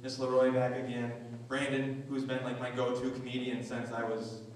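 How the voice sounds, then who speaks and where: Young guy doing deadpan self-mocking stand-up, far from the mic in a super echoey hall. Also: mid-range voice, normal speed, a little hiss or hum. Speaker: stand-up comedian. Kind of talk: stand-up comedy set.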